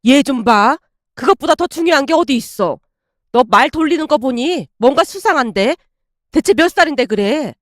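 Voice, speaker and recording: A middle-aged mother frets and scolds her grown daughter in a fairly high voice. The reading is close and dry, with a woman narrator voicing her. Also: expressive, moderate pace, dry recording. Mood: scolding. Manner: fretful and scolding.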